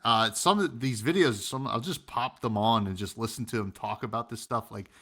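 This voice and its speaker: A man's voice: mid-range voice, moderate pace, fairly bright tone. A man co-hosting a casual podcast, talking animatedly with many fillers and acting out quotes. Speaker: podcast co-host.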